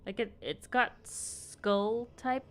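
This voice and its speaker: A woman's voice: fairly high pitch, takes it slowly. A woman hosting a game playthrough with casual, wry, slangy commentary.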